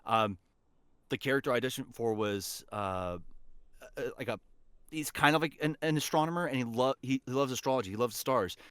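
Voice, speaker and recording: Here a man with a medium-pitched, brisk voice speaks in a fairly bright, clear, resonant tone, with no room sound at all. As an interview guest on a podcast, this voice acting teacher and voice actor gives conversational, encouraging advice. He's emphatic and keeps returning to key phrases.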